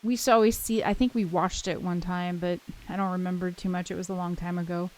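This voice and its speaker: A woman running a gaming channel does a let's play, shifting between relaxed chatter and reading out a visual novel's text as the soundtrack plays behind her. She speaks fast in a fairly low, fairly even voice.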